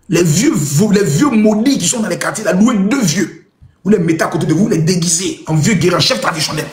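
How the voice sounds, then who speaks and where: A man rants through a live stream in a high, lively voice that leaps between registers. He mocks, shouts and slips into other voices as he goes. The room echoes around him, with faint noise underneath. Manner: animated, shouting, mocking, acts out voices. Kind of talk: mocking live-stream monologue.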